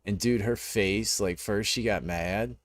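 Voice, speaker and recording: A man's voice: on the low side, measured pace, no room sound. A young man streaming a survival game, chatting casually and rambling through a funny work story with lots of "dude" and "man". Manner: laid-back, rambling, peppered with dude and man. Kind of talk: casual gaming chat and storytelling.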